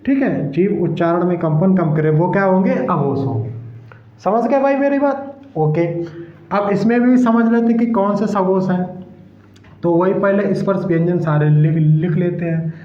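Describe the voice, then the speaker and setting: Male tutor, high voice, slow and patient, repeats terms and checks understanding, echoey dull room. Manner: spells out syllables one by one. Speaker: teacher. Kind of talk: exam-prep classroom lesson.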